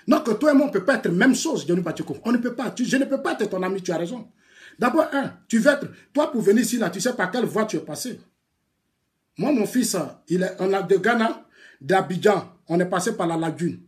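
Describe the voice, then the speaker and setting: Un homme originaire de Côte d'Ivoire, de langue maternelle bété, avec un accent ivoirien, qui sermonne longuement un rival dans une vidéo et répète ses phrases. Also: male voice, sits high. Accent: Ivorian French. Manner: lecturing, repetitive, scolding, bursts of laughter. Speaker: political activist replying to a critic. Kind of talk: heated video rant addressed to a rival.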